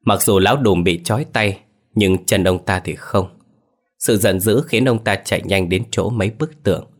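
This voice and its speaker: Deep, husky male storyteller. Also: moderate pace. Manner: steady, dramatic narration. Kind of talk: horror story narration.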